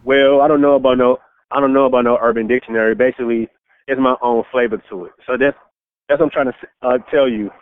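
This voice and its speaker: A man calling in over the phone, talking in a casual, halting way that repeats words and leans on fillers. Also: mid-range voice, steady tone, no echo. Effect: heard over a phone line. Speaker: caller pitching his book. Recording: tinny phone line with faint hiss.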